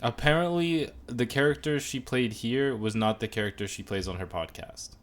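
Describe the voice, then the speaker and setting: A man's voice: mid-range voice, normal speed. A man co-hosting a podcast, chatting casually and rambling through jokes and opinions. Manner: joking, rambling, animated asides. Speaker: podcast co-host reviewing a TV show. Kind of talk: casual chat.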